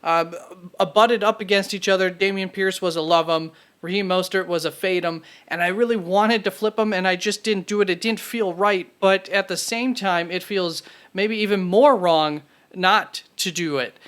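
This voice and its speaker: A man's voice: sits high, moderate pace, fairly bright tone, smooth. A man hosting his fantasy football channel, talking through notes in a casual, conversational way with frequent fillers and self-corrections. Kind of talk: casual solo analysis.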